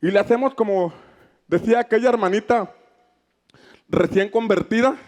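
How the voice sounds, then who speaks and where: Fervent high-voiced preacher. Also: male voice, normal speed. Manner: fervent, declamatory, shouts for emphasis. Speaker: pastor. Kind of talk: sermon.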